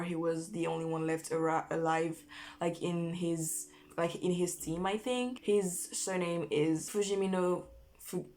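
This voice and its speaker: A woman chatting casually as an anime vlogger through a face mask, informal and halting, often correcting herself as she goes. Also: lowish voice. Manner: informal, halting, self-correcting with false starts. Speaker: anime review vlogger and host. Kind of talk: casual chat to camera, listing recommendations.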